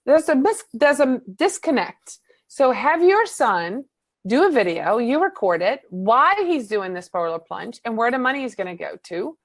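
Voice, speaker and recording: A woman from the Netherlands with a Dutch accent, a marketing coach chatting as a guest on a video interview, animated and full of fillers. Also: on the high side, moderate pace, no room sound. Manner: chatty, animated, fills with "um" and "you know".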